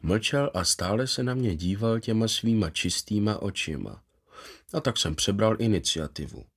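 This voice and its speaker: A man reads a first-person story in a calm, reflective, measured way. His voice sits low and steady as he narrates. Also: slightly rough.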